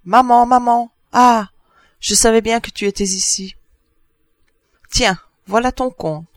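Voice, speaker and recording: A man's voice: steady tone, takes it slowly, dry recording. Man putting on a piping little girl's cry. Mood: excited. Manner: shrill, piping. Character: frightened ten-year-old girl.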